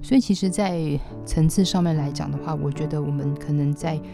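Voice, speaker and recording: A woman with a Taiwanese Mandarin accent, a pianist hosting a podcast, talking through music in a measured, thoughtful way and slowing down to stress her points. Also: low voice, fairly even intonation, vocal fry. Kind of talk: reflective music commentary.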